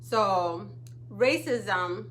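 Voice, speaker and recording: A woman's voice: medium pitch, lively intonation, very slow, fairly bright tone, a little hiss or hum. A woman from Ethiopia, hosting a casual live stream and often checking in with her viewers. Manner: chatty, often checks in with "okay?". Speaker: livestream talk show host.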